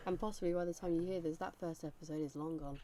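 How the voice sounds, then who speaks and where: A woman's voice: fairly low pitch, steady tone, quick pace, a loud crowd. A woman co-hosting a podcast, chatting casually with cheeky, easy humour. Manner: laughs easily, cheeky banter. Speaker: podcast co-host. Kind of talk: casual chat.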